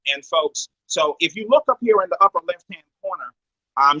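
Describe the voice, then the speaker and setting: A man's voice: sits high, pushed and bright, husky, no room sound. A man giving a teaching talk over a weak online call, his voice breaking up and cutting in and out, preachy, putting rhetorical questions to his listeners. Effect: voice cutting in and out over a weak online connection. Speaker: guest speaker explaining finance. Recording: dull lo-fi call audio that keeps breaking up.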